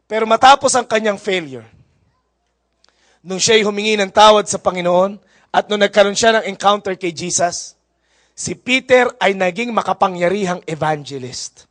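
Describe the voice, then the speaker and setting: A male pastor delivers a sermon. He tells stories with a light, playful touch, then builds to loud, fervent exhortation. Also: high-pitched, moderate pace. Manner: mixes storytelling with rising, forceful exhortation.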